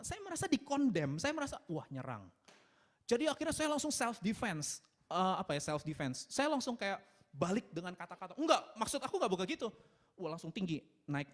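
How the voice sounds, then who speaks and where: A married man preaching at a church service with a high voice that swings widely up and down. He talks in a chatty, animated way, often breaks into laughter, and slips English words into his preaching. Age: adult, married. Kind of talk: sermon.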